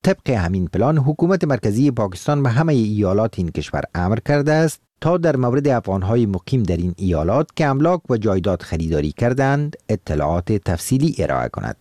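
Lively-toned radio reporter. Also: male voice, on the low side, few pauses, dry recording, studio quality. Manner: formal, lively intonation. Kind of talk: read news report.

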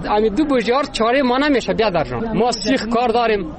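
A man's voice: very high-pitched, expressive, crowd noise. A man with an Afghan accent making a plaintive, unscripted complaint in short repetitive phrases. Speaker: quake-affected local resident.

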